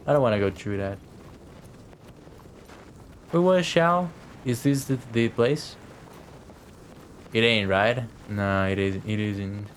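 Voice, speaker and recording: Over a video game with its music playing behind him, a young man gives casual livestream commentary, rambling and thinking aloud. His voice is fairly low, and there's a slight hiss or hum in the audio.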